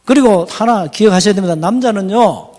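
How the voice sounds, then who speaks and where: Middle-aged man, high voice, folksy teasing preacher, reverberant hall. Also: a little fast, a little mellow. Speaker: pastor. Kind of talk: sermon. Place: church hall.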